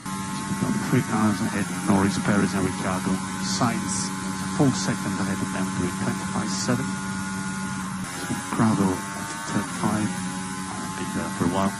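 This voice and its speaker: Race engineer on team radio: low, clipped male voice under heavy engine noise. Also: flat delivery, moderate pace. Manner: clipped and matter-of-fact. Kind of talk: terse race instructions. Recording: loud noisy team radio over engine.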